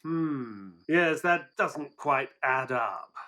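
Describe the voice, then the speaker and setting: Earnest Watson, animated storyteller. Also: male voice, medium pitch, very slow, heavily acted. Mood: concerned, doubtful. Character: earnest, courteous Victorian male doctor narrating his friend's case. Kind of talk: audio drama narration and dialogue.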